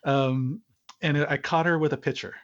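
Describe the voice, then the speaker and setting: A man's voice: on the high side, steady tone, moderate pace, highs cut off. A man from Hawaii, a guest on a podcast, telling a story in a rambling way with restarts and chuckles. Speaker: podcast guest, marriage and business consultant. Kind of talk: conversational storytelling.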